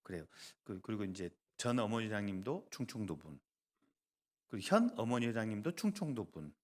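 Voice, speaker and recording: Male pastor preaching in a lively, sing-song voice, with punchy emphasis, hushed asides and jokes for the pews. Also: on the low side, moderate pace. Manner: animated, swings between loud emphasis and soft asides; joking, conversational asides to the congregation. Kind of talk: sermon.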